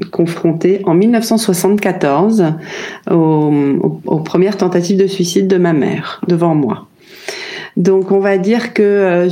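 A French woman in her fifties answering interview questions about her life and work, thoughtful and hesitant, with many pauses and restarts. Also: on the low side, dark tone. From France. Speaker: brand founder, guest.

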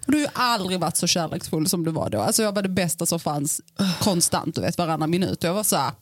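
A woman co-hosting a podcast in casual chat, telling a story in a teasing, animated way. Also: lowish voice, no room sound. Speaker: podcast co-host.

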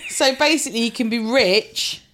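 A woman's voice: fairly high pitch, moderate pace, fairly bright tone. Woman, slightly noisy recording. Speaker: podcast co-host. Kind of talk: casual chat and anecdote.

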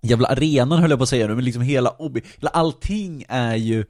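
A man's voice: medium pitch, darkish tone, no echo. A man hosting a casual podcast who asks short questions and reacts to a guest's story. He swears casually as he talks. The recording is dry and close to the mic.

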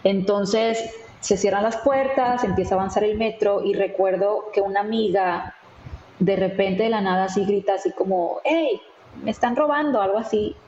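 A woman's voice: medium pitch, fairly even intonation, normal speed, dark tone, roomy sound, highs cut off, slight background noise. A woman, a guest in an interview, telling a story in a chatty way with many fillers and tag questions. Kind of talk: conversational storytelling.

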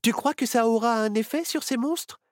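A woman's voice: a little high, normal speed, no room sound, clean studio sound, close to an everyday voice. Woman doing a bubbly young girl witch. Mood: lively. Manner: lively, boastful.

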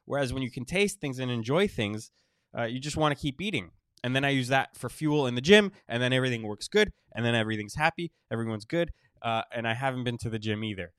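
A man's voice: mid-range voice, fairly bright tone, clean tone, no echo, clean studio sound. Wheezy, breathless man rambling on a podcast. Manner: halting, repeats phrases, frequent pauses. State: short of breath, recovering from illness. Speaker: podcast host. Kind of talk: casual rambling podcast monologue.

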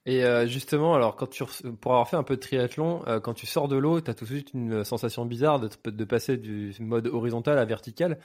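A man with a French accent and an ordinary mid-pitched voice, hosting a podcast. He asks his questions in a loose, conversational way. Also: fairly quick, hardly any pauses, darkish tone. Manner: brief listening responses, conversational. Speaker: podcast host. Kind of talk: interview questions.

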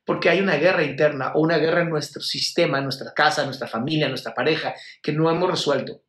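On a casual live stream about mental health, a Mexican-accented man answers his viewers' questions with blunt affection, plenty of swearing, and frequent use of "my love." His voice is on the high side with a fairly bright tone, and he talks quickly. The room sounds echoey.

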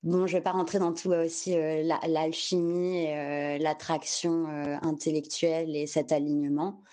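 A French woman with a low-pitched, level, mellow voice candidly shares a personal story on a podcast. She takes her time, searches for words, and slips English terms into her French.

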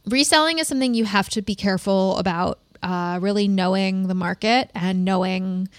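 Woman podcast host with vocal fry. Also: medium pitch, moderate pace, no echo. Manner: casual, peppered with "like". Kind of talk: chatty advice podcast talk.

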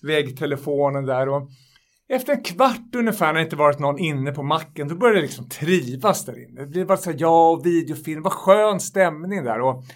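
A man with a high-pitched voice tells a long comic anecdote. He talks in a casual, animated way, mocking himself. His speech is loose and full of fillers.

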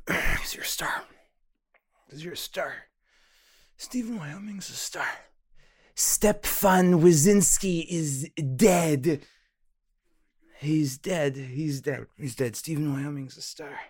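An actor playing a weary, washed-up comedian who mutters to himself, sighing and giving himself slow pep talks. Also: male voice, a little high, lively intonation, slightly rough, dry recording, studio quality. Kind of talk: audio drama acting.

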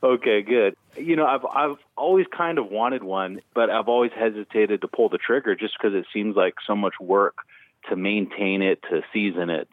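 Man, phone caller, low voice, tinny line, easygoing, a bit hesitant. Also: normal speed, dry recording. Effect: heard over the phone. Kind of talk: casual call-in question.

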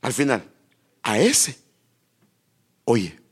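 A man's voice: medium pitch, huge pitch swings, drawn-out words, slightly rough. A man preaching a sermon, quoting scripture and calling his listeners brother.

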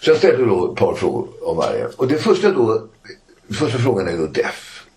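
A man's voice: fairly low pitch, vocal fry. An older man telling a long anecdote in a casual conversation, with lots of "eh" and "va?" as he goes. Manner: animated anecdotes with frequent "eh" and "va?" tags. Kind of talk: casual storytelling.

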